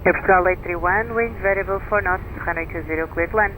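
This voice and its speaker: A man working as an airport tower controller, giving brisk, procedural, clipped instructions over aviation radio. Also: high voice. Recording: air traffic radio with faint noise.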